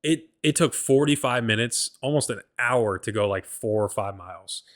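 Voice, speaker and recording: A man's voice: medium pitch, moderate pace. Rambling, swearing man telling a story. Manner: rambling, profane, heavy on "like" and "bro"; excitable, restarts and stumbles. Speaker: podcast host. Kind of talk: casual solo storytelling.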